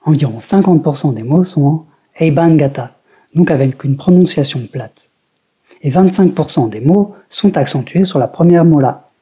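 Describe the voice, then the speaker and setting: A speaker from France narrating a scripted language lesson in a measured, explanatory way. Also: mid-range voice, lively intonation, dark tone. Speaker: language teacher.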